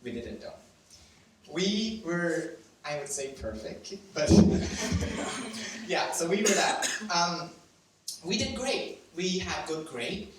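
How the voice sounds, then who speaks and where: At a storytelling event before an audience, a young adult from Cambodia, a native Khmer speaker with a Cambodian accent, shares a personal tale in a high voice with big pitch swings and a slow pace. He's quick to laugh, self-mocking and cheekily profane. A distant mic in a very echoey venue picks up heavy background noise.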